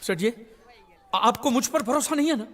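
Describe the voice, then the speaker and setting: A man's voice: extremely high pitch, animated, normal speed, fairly bright tone. An actor playing a scheming fisherman who fakes tearful, theatrical pleading in a comedy film. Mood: melodramatic. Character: scheming middle-aged fisherman, melodramatic and sly. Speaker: film character. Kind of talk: comic film acting.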